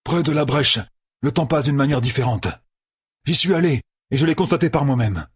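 A man's voice: mid-range voice, a little fast, breathy edge, no echo, clean studio sound, voice pushed up. A man voicing a stubborn, worn-out young lord. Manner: insistent, pressing questions. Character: exhausted young male lord, urgent, stubborn. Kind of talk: audiobook character voice.

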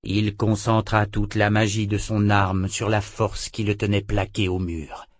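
A man narrating a fantasy audiobook in a measured, dramatic storytelling manner. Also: on the low side, flat delivery, dry recording, clean studio sound.

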